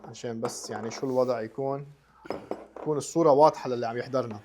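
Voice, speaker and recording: Lebanese guy hosting a live cooking show, talks super fast, chatty w/ bits of english, slight background noise. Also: medium pitch, fairly even intonation. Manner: chatty, repeats himself, mixes in English words. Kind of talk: casual live chat, greeting viewers.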